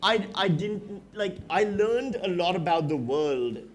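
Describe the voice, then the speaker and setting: A man's voice: sits high, expressive, unhurried, slight background noise. A man in his forties from Pakistan, speaking as a panelist at a live festival discussion, reflective and frank with dry asides. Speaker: panelist, writer and comedian. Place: festival stage before an audience.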